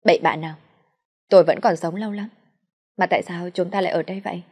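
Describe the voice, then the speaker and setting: A woman reading an audiobook voices a wounded young wife who speaks softly and weakly. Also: on the low side, fairly even intonation, fast talker, breathy edge. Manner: weak, soft.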